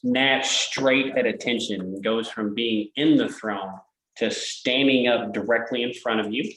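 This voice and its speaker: A man's voice: medium pitch, unhurried, a bit bright, echoey room, low-quality recording. A man running a tabletop game as game master, describing scenes in a hesitant way with many fillers.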